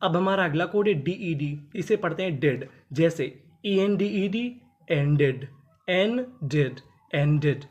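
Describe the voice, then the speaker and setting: Teacher spelling out English words slowly. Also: expressive, dull audio. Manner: spells out letters slowly, then repeats each word; drops pitch on the last word of each list. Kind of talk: spelling and phonics lesson.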